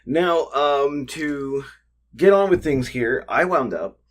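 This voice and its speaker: A man's voice: a little high, expressive, takes it slowly. A man in his forties co-hosting an unscripted convention chat, telling rambling, jokey stories. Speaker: podcast co-host.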